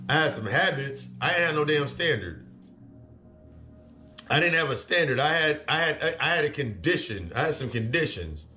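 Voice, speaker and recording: A pushed, bright, slightly high male voice carries this blunt, profane self-help talk. The speaker, a spiritual reader and life coach, delivers a motivational monologue and keeps repeating his points for emphasis.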